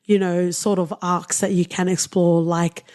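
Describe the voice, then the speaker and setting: A woman's voice: fairly low pitch, little pitch movement, a little slow, darkish tone. A woman co-hosting a casual podcast, reviewing a TV series in an opinionated, teasing way. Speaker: podcast co-host.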